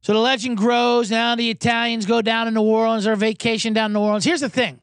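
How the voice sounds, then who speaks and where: High-voiced rambling betting host. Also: male voice, little pitch movement, fast, fairly bright tone, clear, resonant tone, dry recording, studio quality. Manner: rambling, riffing and joking, breaks into mock accents. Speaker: sports betting podcast host. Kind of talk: casual, profane betting chat.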